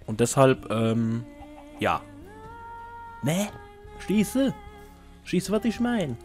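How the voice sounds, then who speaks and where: A young man casually chatting while playing and answering viewer questions, joking at his own expense. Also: medium pitch. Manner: chatty, self-mocking, jokey. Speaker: let's play host. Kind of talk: casual gaming commentary.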